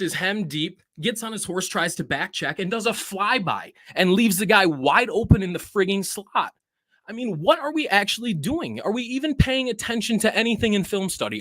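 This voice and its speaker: A man co-hosting a sports podcast, venting in a frustrated, swearing rant full of rapid rhetorical questions. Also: high-pitched, a bit bright, no echo. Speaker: podcast co-host.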